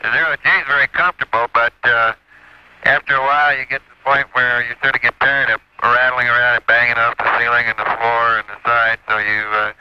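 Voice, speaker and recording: A man's voice: mid-range voice, clean tone. A man, an astronaut, talking as a pilot over a radio link in clipped, matter-of-fact transmissions. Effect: pilot speaking over a crackly space radio link. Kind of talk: terse radio transmissions, then relaxed chat. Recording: muffled archival radio with static hiss.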